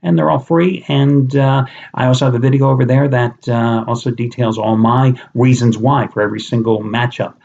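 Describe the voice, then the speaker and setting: A man's voice: mid-range voice, fairly even intonation, normal speed, creaky, a little mellow. Blunt middle-aged man previewing a game. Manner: blunt and conversational, with mild swearing. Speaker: sports handicapper. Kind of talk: sports betting preview monologue. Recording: slightly dull lo-fi recording.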